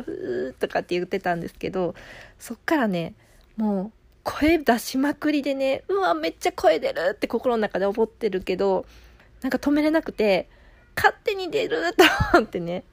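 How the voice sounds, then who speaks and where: A woman's voice: on the high side, darkish tone, no room sound. A woman with a Kansai accent, a midwife casually telling her own birth story and acting out her inner thoughts. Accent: Kansai Japanese.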